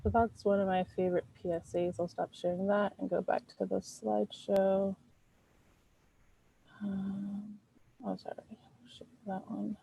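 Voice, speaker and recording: A woman's voice: mid-range voice, flat delivery, unhurried, vocal fry, background noise. A woman giving an informal presentation on fair housing over a video call, with many ums and restarts. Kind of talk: presentation at an online meeting.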